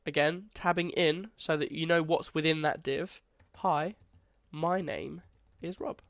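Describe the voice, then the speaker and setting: A young man with congestion walks casually and chattily through a screen-recorded coding tutorial, correcting himself along the way. His fairly high voice is creaky and a bit bright, with fairly even intonation and a measured pace, recorded dry.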